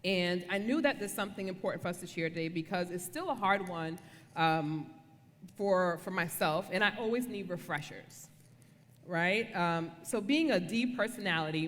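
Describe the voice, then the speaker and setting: A woman's voice: on the low side, moderate pace, fairly bright tone. A woman giving a casual devotional talk on marriage as co-speaker, conversational and playful, often checking for agreement. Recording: reverberant room.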